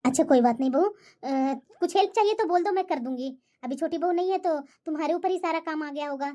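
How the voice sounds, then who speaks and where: A woman voicing a gentle, worried older mother-in-law in a family cartoon. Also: sits high, fast talker, lightly acted. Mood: fretful. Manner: soft, fretful, motherly. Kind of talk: cartoon voice acting.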